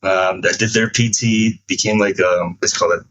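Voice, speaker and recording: A man's voice: sits low, steady tone, moderate pace, a bit bright, dull audio, slight background noise. A man in his thirties, a military veteran guest, telling his life story in a loose, casual way with some slang. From United States (San Francisco). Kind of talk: casual chat.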